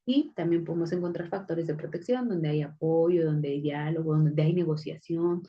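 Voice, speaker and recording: Soft-spoken woman lecturing. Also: low-pitched, normal speed. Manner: conversational, many fillers and restarts. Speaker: psychology lecturer. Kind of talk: recorded class lecture with anecdotes. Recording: dull lo-fi recording.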